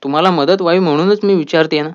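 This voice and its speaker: Calm, firm young wife, a man reading her lines; fairly high voice, lo-fi sound. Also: quick pace, lightly acted. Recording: dull lo-fi audio.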